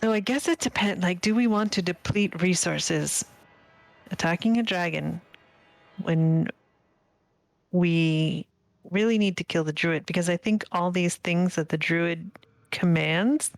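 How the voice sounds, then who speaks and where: Halting player thinking aloud. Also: medium pitch, creaky, no echo. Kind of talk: casual game table chat.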